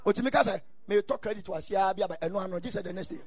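A man's voice: high-pitched, very fast. A man with a Ghanaian accent preaching a sermon in exhorting, repeated short phrases, mixing English with Ghanaian Pidgin and Twi.

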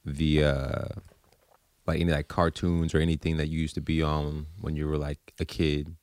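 A man in casual conversation as a host, musing in a laid-back, halting way. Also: very deep voice, flat delivery, darkish tone, dry recording. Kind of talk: casual chat.

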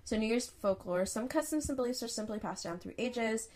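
A woman's voice: fairly high pitch, animated, a little fast, darkish tone. A young adult woman co-hosting a podcast in casual chat, giggling often and reading out facts between jokes. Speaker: podcast co-host.

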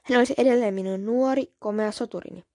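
A woman's voice: a little high, darkish tone, dry recording, studio quality, lightly acted. A woman voicing a cold, cruel she-cat mother in a storybook reading, speaking curtly and dismissively. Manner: curt, icy and dismissive. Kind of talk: audiobook reading.

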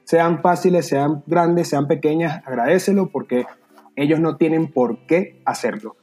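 A husky-voiced young Venezuelan man with a Venezuelan accent chats on a podcast. He talks at length, earnest and open, with a faint bed of music under him. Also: fairly high pitch, unhurried, a little mellow. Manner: talkative, earnest, slips into playful voices. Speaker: podcast guest. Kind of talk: casual podcast chat.

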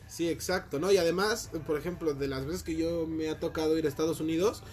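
A man's voice: on the high side, steady tone, brisk, darkish tone, faint music behind. A man with a Mexico City accent, a podcast guest chatting casually and swearing freely about call center work. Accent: Mexico City Spanish. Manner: slangy, swears freely, acts out quoted voices.

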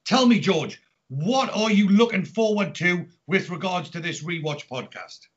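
Hosting a chatty podcast from home during lockdown, a middle-aged Geordie man from Newcastle in north-east England opens with introductions and announcements over Skype. His voice is high-pitched, animated and unhurried, upbeat despite the dull lo-fi call audio.

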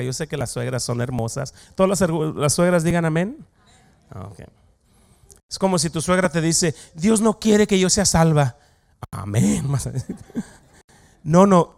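A man pastor with a voice on the high side delivers a lively, humorous sermon, acting out quoted voices and joking with the congregation.

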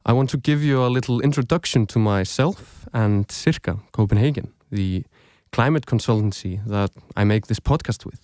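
A young man who speaks Icelandic natively hosts a thoughtful podcast, delivering scripted narration at a measured pace in a dry, echo-free booth, the kind you'd hear through earbuds. His voice has medium pitch and a darkish tone.

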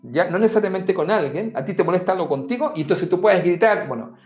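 A man's voice: high voice, expressive, fast, darkish tone. A man on a podcast giving advice, explaining conversationally and talking straight to the listener. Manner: talks straight to the listener, often saying "mira" and "amigo". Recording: roomy echo with faint music.

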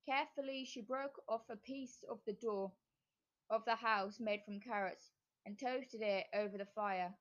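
A woman reading a children's story aloud in a gentle, unhurried way. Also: fairly high pitch, fairly even intonation, lo-fi sound.

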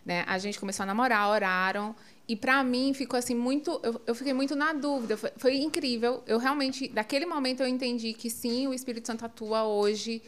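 A woman telling a personal story in a relaxed, animated conversation, often laughing. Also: on the high side, a little fast, hardly any pauses. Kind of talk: casual storytelling on a podcast.

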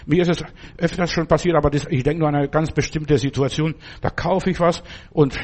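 A man preaching in a loose, chatty way, speaking directly to his listener like a friend and checking often that he is understood. His voice sits a little high for a man and has a husky, slightly rough edge. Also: steady tone, brisk, darkish tone. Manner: conversational, keeps asking "verstehst du?". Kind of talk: informal sermon with personal stories.

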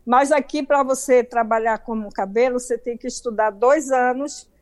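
A woman's voice: a little high, moderate pace, a little mellow. A middle-aged Brazilian woman with a Brazilian Portuguese accent, telling her story emphatically as an interview guest.

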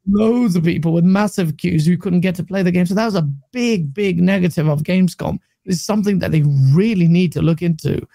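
Male podcast guest, gravelly, giggly, stammering; dry sound. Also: high-pitched, a little fast, few pauses, dark tone, no room sound. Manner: laughs often, stammers and restarts. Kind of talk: casual podcast chat.

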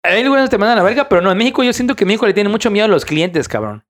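Slangy Mexican man co-hosting a chat. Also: sits high. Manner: relaxed, slangy, reads facts aloud, quick reactions. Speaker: podcast co-host. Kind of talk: casual chat.

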